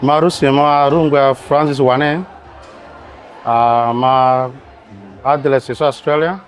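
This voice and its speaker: Slow hesitant man. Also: mid-range voice, fairly even intonation, soft background music. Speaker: youth member. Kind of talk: self-introduction.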